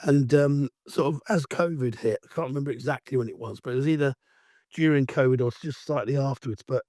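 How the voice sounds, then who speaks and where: A middle-aged man from Essex, England, chats on as a guest in a casual interview, rambling freely and calling himself the loudmouth. His medium-pitched voice is croaky and roughened by allergies, and he talks fairly quickly. The sound is dry and close, with no room echo.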